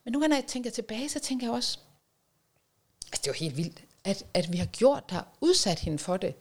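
A woman's voice: a little high, big pitch swings. A woman reflecting on caring for a sick child in a conversational interview, thinking aloud with frequent fillers.

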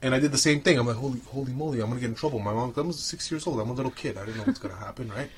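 Over crowd noise, this podcast co-host talks rapid-fire at a medium pitch. He moved from Romania to Canada as a child and fills the casual conversation with loose, colloquial stories from his own life.

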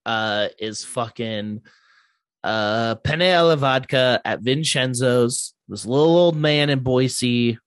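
A man's voice: medium pitch, takes it slowly, dry recording. A man hosting a casual podcast chat, laid-back and swearing casually.

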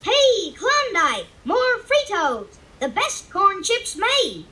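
A woman voicing a cheerful little cowboy boy mascot with sing-song, drawn-out calls in a 1950s advertising style. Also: very high voice, huge pitch swings, pushed and bright, full character voice. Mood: cheerful, calling out. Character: small cowboy kid mascot, a cheerful animated boy figure. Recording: echoey archive character recording.

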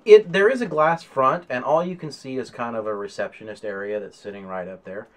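A man's voice: medium pitch, brisk, a bit bright. A man narrating a tabletop game as game master, rambling with many fillers and restarts.

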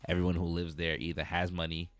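New york dude, deep voice, lots of "like" and restarts, dry mic. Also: male voice, flat delivery, quick pace, dry recording. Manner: rambling, many fillers and restarts. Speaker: guest. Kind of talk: casual podcast chat.

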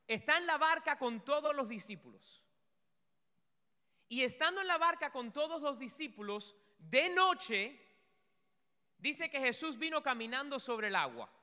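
A male pastor preaching a sermon in an animated way, acting out story scenes and sometimes shouting. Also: very high voice, unhurried, pauses often. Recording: long hall reverb.

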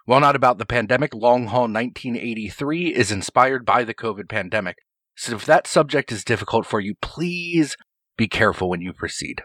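A man's voice: mid-range voice, expressive, fairly quick, a bit bright, no room sound, studio quality. A man hosting and playing on a horror actual play podcast, speaking in a conversational, articulate way. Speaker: podcast host and player.

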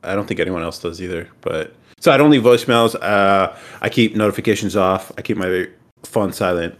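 A man's voice: low-pitched, brisk. A young American man hosting a casual group podcast, bantering in a slangy, swearing frat-bro way. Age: young adult. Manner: bro-heavy frat-boy slangy talk, swearing freely. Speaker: podcast host.

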